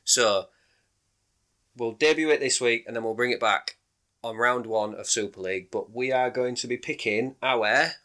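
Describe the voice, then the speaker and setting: A man co-hosting a casual sports podcast, chatty and quick to laugh. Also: mid-range voice, pushed and bright. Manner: chatty, laughs readily, trails off mid-sentence. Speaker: podcast co-host. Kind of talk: casual chat.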